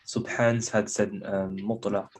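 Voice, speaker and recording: Guy student answering in religion class, lowish voice, echoey and off mic. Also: little pitch movement, unhurried. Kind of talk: short spoken answers in class. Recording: echoey room, off the main mic.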